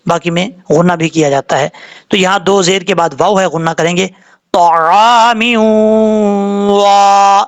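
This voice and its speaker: High-voiced man teaching Quran recitation. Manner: patient, explains rules step by step, then recites slowly drawn out. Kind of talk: tajweed lesson, spelling out letters and vowels.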